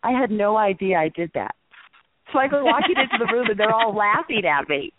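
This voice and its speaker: A woman guest chatting on a radio show, telling stories in a lively way and laughing at herself. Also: medium pitch, a little fast, heavy background noise. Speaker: guest from an instructors' association. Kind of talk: casual radio chat. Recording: tinny phone-line sound, dry.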